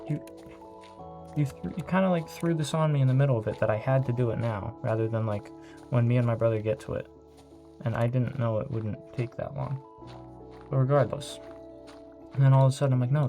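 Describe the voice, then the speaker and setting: Gravelly-voiced teen guy venting, swearing. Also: mid-range voice, dark tone. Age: teens. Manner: frustrated, rambling, swears a lot. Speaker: vlogger. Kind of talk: venting personal vlog.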